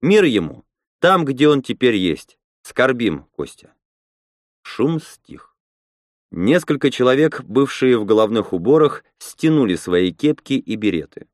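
A man reads a novel aloud with a lively, expressive rise and fall. His voice is mid-pitched and sounds close and dry, with no room around it. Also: no room sound. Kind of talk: audiobook narration.

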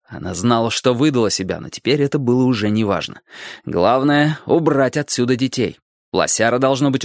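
A man reading a children's adventure story aloud in a steady, even storytelling manner. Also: medium pitch, no echo, studio quality. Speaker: audiobook narrator. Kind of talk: scripted narration.

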